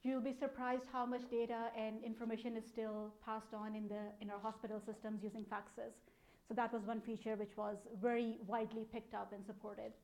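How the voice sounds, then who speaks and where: The audio is poor, but the voice comes through on the high side and a little mellow. It's a woman in her thirties with a Pakistani accent, a data analytics program manager, explaining things conversationally in an informal conference talk.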